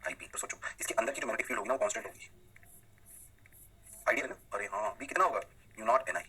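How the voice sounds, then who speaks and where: A man teaching physics in a recorded lecture, talking rapidly and animatedly and firing questions at his students. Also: on the low side, pushed and bright, breathy edge.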